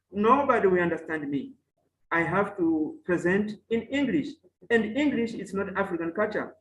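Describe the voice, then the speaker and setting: This panelist is a Mozambican professor, a native Chewa speaker, with a high and slightly bright voice. He speaks in a measured, halting manner during an online academic panel talk, often using fillers and restarting sentences. The video call audio carries echo and a faint hiss or hum.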